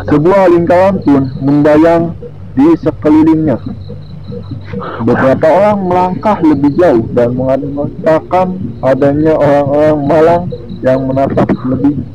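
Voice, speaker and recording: Higher-voiced man with a lisp. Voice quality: lisp, slurred r. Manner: informal, halting reader who comments on the story. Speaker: video host. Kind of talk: casual reading of horror stories with asides. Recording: muffled lo-fi, clearly noisy with insect-like sounds.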